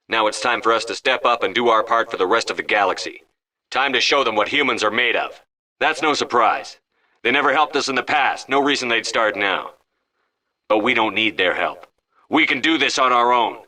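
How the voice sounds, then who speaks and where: An actor voicing a resolute, stern starship commander in a video game, with a firm, controlled, commanding delivery. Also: male voice, medium pitch, bright, forceful tone, low-quality recording. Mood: rousing, determined.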